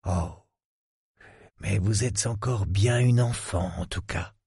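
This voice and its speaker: A man voicing an enigmatic old millionaire lord in his eighties, with a grave, sepulchral, husky voice and a slow, solemn way of talking. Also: on the low side, a little mellow, no echo, clean studio sound, full character voice. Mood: grave, mysterious. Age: 80s. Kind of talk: audiobook character voice.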